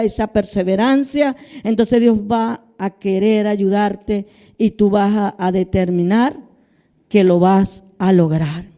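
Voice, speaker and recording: A woman's voice: fairly high pitch, mellow. A middle-aged woman pastor preaching a sermon, talking straight to the congregation and acting out quoted prayers and inner voices. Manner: conversational preaching, addresses congregation directly.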